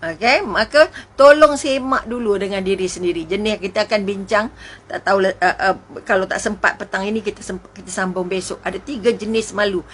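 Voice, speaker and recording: A woman's voice: mid-range voice, brisk, a little hiss or hum. A woman with a Malaysian Malay accent giving an emotive religious talk, full of rhetorical questions and exclamations. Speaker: religious speaker.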